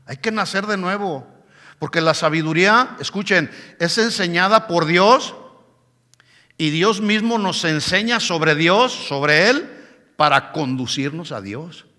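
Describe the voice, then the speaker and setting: A man preaching a sermon in a church hall, his bright, ringing voice sitting a touch high. He presses his points with emphasis and keeps turning to the congregation for a response. Long reverb trails off each phrase. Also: lively intonation, a little slow. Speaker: pastor.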